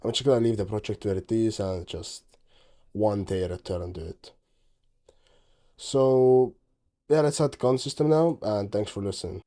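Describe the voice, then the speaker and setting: A tired-sounding teenage game dev vlogger from Estonia, a native Estonian speaker, talks in English with a mellow, mid-range voice. Over a screen recording, he gives offhand, rambling commentary about his game project, often correcting himself.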